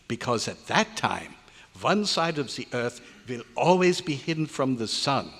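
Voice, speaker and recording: One more turn from the grumbling yet fond old research scientist, exasperated and speaking with strangely ordered, foreign-sounding phrases, in a live re-creation of an old radio drama. The actor's male voice is medium-pitched with a fairly bright tone. The stage performance echoes through a large hotel meeting room at a convention.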